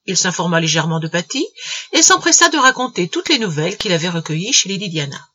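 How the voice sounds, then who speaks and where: A woman narrating a classic tale aloud in an expressive storytelling manner. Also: fairly low pitch, fast talker, slight background noise. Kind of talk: audiobook narration.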